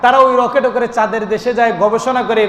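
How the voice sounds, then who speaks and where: A man's voice: very high-pitched, little pitch movement, fast talker, a bit bright, a little hiss or hum. A man preaching a waz sermon, rhythmic and repetitive, asking the crowd questions and chanting at times. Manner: chants and sings the name of God. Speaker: Islamic preacher. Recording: echoing amplified sound in a long reverberant space.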